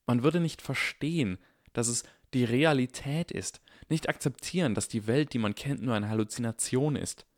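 A man voicing a clever, excitable young schoolboy wizard in an audiobook, eager and lecturing. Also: mid-range voice, no room sound, clean studio sound, voice pushed up, natural voice. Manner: eager, lecturing, barely restrained. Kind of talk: audiobook character voice.

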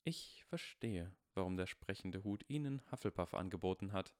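A man voicing a stern, dignified older woman professor with slow, hushed, formal speech, as in an audiobook. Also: deep voice, animated, no echo, clean studio sound. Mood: measured.

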